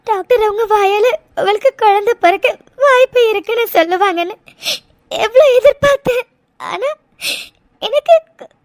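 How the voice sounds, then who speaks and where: A woman's voice: very high voice, no room sound. A woman voicing a young married woman in a cartoon serial, sobbing and pleading.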